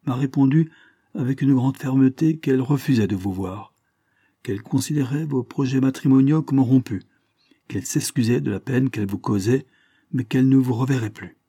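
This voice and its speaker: A man reading aloud, voicing an earnest, dutiful male police inspector in a formal, measured way. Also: mid-range voice, mellow, slightly rough, no echo, studio quality, voice pushed up, lightly acted.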